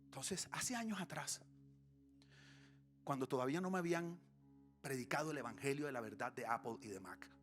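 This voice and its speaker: A man's voice: mid-range voice, moderate pace, long pauses, soft background music. A male pastor delivering a sermon before a congregation. He tells stories with comic flair and sometimes drops into a whisper. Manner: animated, comic storytelling with dips into whispers. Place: church stage before a congregation.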